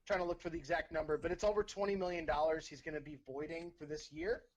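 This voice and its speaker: A man's voice: on the high side, fairly even intonation, fast, poor audio. A man co-hosting a sports podcast, giving blunt takes and often repeating himself. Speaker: podcast co-host. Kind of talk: casual sports talk.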